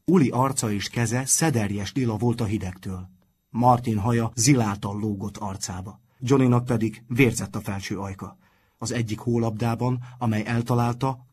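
A man narrating a storybook in a steady, scripted reading. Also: fairly low pitch, breathy edge. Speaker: audiobook narrator.

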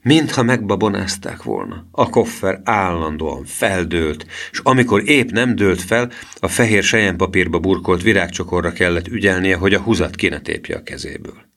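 Male storyteller, very low voice, steady reading. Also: few pauses. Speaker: audiobook narrator. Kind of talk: children's book reading.

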